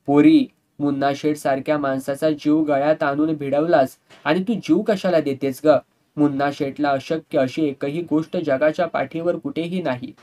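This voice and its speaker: A man's voice: on the high side, fairly even intonation, moderate pace, mellow, close to an everyday voice. Guy doing a sleazy drunk rich villain, sneering and gloating, audiobook style. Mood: menacing. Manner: mocking, sneering, drops into Hindi couplets.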